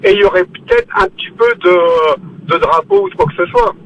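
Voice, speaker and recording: A man's voice: sits high, wildly swooping pitch, fairly quick, a bit bright, dull audio, slight background noise. A man from France, calling in to a radio show and earnestly explaining his view step by step. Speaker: caller. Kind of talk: radio call-in.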